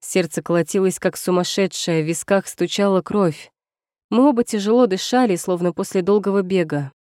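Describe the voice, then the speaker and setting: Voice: mid-range voice, moderate pace, darkish tone, no room sound. Dry, brooding audiobook narrator. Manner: tense, brooding, dramatic. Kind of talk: first-person romance novel narration.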